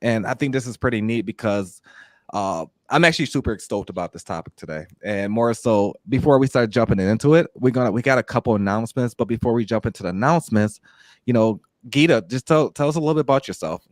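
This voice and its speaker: A man co-hosts a podcast over a group video call, chatting casually and rambling with lots of fillers and restarts. His mid-range voice is expressive, quick and a little mellow, with clean studio sound and no room echo.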